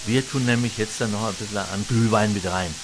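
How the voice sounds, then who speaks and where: Background noise accompanies this brisk, fairly low-pitched man. A restaurant chef from Franconia, Germany, he talks through his cooking in a Franconian German accent, homely and rambling, hesitating often.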